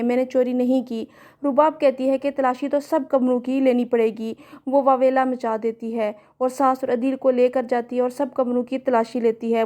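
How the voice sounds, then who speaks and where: A woman narrating a scripted recap of a drama episode in an even, matter-of-fact way. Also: sits high.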